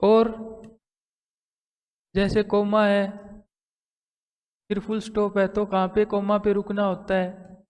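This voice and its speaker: A man's voice: high-pitched, completely flat delivery, slow, long pauses, darkish tone, smooth, in a large hall. A man teaching English grammar and pronunciation, explaining step by step and asking rhetorical questions as he lectures. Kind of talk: classroom lecture. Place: school classroom.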